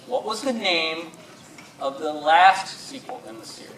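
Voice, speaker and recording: High, animated man hosting trivia in echoey hall. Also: measured pace. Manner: joking, bantering. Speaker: quiz host. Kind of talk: live horror movie trivia hosting. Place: large hall at a live event. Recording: echoey hall, distant mic, audience noise.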